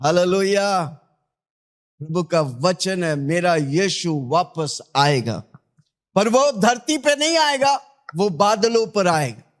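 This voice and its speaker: A man from India preaching a sermon as pastor, calling on the congregation to shout answers back and repeating scripture after a reader. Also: sits high, animated, takes it slowly. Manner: call-and-response preaching, urging listeners to shout back.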